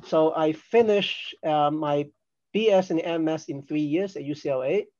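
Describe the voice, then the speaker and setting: A man's voice: on the high side, moderate pace, a little mellow, lo-fi sound. An older man from Hong Kong, a podcast guest, explaining risk assessment in a chatty, self-deprecating way. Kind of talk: conversational interview.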